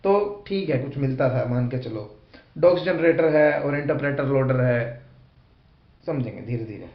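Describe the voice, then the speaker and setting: A man's voice: mid-range voice, lively intonation, normal speed. A man teaching a programming lesson in an informal, chatty way, talking straight to his students. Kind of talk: casual Hindi lecture mixing English terms. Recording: echoey room, dull lo-fi sound.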